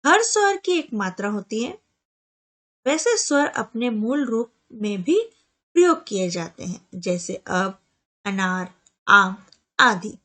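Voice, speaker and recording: Slow, deliberate woman teaching grammar. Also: mid-range voice, very animated, sharp tone. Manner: slow, deliberate explaining with spelled-out examples; asks the viewer questions and answers them herself. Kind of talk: Hindi grammar lesson.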